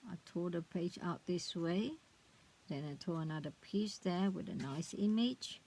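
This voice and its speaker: A woman's voice: lowish voice, a little slow, a little mellow, breathy edge, low-quality recording. A middle-aged woman, a craft vlogger, chatting casually as she shows a handmade book, often hesitant and searching for words.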